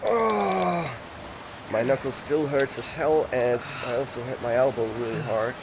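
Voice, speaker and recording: His voice is mid-range with vocal fry and a measured pace, set against a noisy background with music underneath. He's a let's play gamer, rambling casually through his game and often correcting himself.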